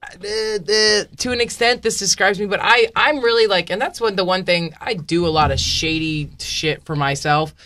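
Bright, blunt woman chatting casually. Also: medium pitch, moderate pace, few pauses. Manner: candid, blunt, laughs often. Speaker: podcast co-host. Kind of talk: casual chat.

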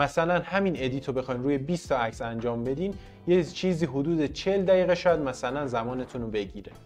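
A man walks viewers through phone tips in a casual tech tutorial. His delivery is chatty and playful, and he talks to the audience like friends. Soft music plays faintly behind him. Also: a little high. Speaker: tech vlogger.

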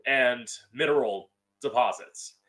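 This man hosts an opinionated solo monologue to camera with campy drag queen delivery, using a close studio mic on a boom arm with a pop filter in a small indoor room at home. His mid-range voice is a bit bright and measured, with faint music behind and low-quality recording.

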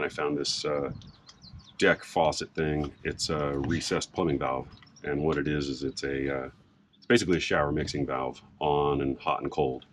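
A middle-aged man casually explaining a boat project outdoors in a sailboat cockpit, relaxed and rambling with frequent fillers. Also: a bass voice. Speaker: sailboat owner and vlogger. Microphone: camera on a mount a few feet away. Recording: outdoor recording with background noise.

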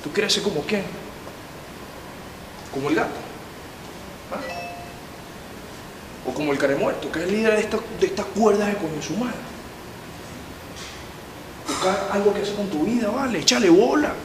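An actor playing a tough police commander with a Venezuelan accent, who gives orders and lectures a young suspect. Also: male voice, high-pitched, lively intonation, moderate pace, pauses often. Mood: lecturing. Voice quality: gruff, commanding. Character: tough male police chief, stern and fatherly. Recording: reverberant hall, distant mic, noise.

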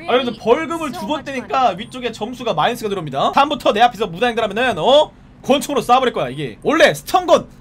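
A man giving playful, animated live commentary while streaming a police game, often shouting commands at the game's characters. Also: sits high, slight background noise.

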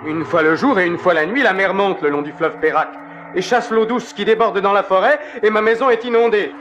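A man's voice: high-pitched, a little fast, fairly bright tone. An actor playing a sulky grown man who complains about his flooded house in a radio play. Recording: dull, noisy lo-fi sound.

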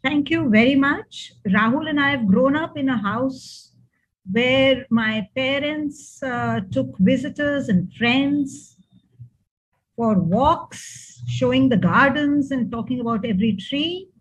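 Speaking slowly in a high, slightly rough voice, an older Indian-accented woman offers thanks and reminisces about family in an informal talk. She's on a video call indoors, using a computer mic, and the sound is dull.

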